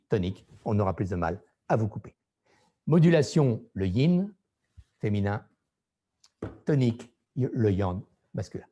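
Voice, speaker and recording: A man coaching public speaking, giving a didactic lecture and showing pitch and emphasis with his own voice. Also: mellow. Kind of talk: didactic lecture on vocal delivery.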